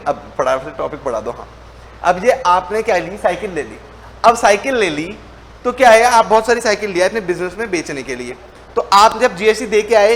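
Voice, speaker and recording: High-voiced chatty Hindi tax teacher. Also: male voice, slight background noise, low-quality recording. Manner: chatty, acts out both himself and the students' questions; playful teasing of students. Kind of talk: online exam revision lecture.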